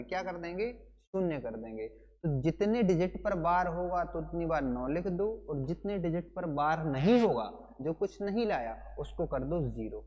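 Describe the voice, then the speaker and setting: A man's voice: sits high, long reverb tail, highs cut off. A male teacher giving an exam coaching lesson, playful and chatty, who keeps calling his students brother and explains with wedding and party stories.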